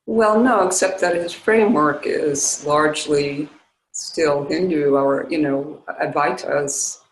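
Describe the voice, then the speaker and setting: Woman caller on a conference call, hesitant, echoey room, faint background noise. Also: low voice. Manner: hesitant, halting, many restarts. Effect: heard over a conference call line. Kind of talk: questioning a spiritual teacher.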